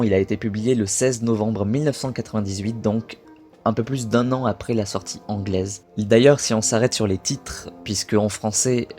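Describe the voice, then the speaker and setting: A man's voice: fairly low pitch, darkish tone. A young man from France talking casually to camera, chatty and self-correcting as he goes. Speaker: video creator.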